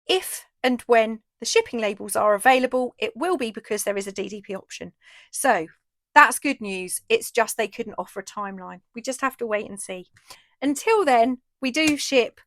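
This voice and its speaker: Chatty woman crafter, slightly high voice. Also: animated, moderate pace, dry recording. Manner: chatty, enthusiastic, frequent ooh and fillers. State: losing her voice. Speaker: craft shop owner and vlogger. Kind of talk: casual video update and unboxing.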